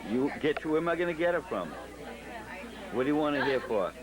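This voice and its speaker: A man's voice: a little high, sing-song, quick pace. A man behind a camcorder giving casual running commentary and coaxing guests to pose, on an old home video. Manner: coaxing, directing people to pose. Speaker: home video cameraman and narrator. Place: busy restaurant party, behind the camera. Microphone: camcorder microphone. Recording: old home video, noisy party chatter.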